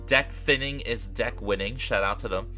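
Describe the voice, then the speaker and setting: A young man with a congested, nasal voice from allergies, chatting casually through a card game with frequent fillers and throat clearing. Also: mid-range voice, moderate pace, sharp tone, soft background music. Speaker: gaming creator. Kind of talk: casual gameplay commentary.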